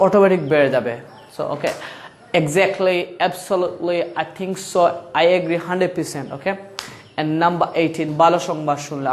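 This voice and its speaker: A man with a Bengali accent and a fairly high-pitched voice teaches spoken English to beginners. He switches between languages, calls the listener brother, and slowly repeats each phrase.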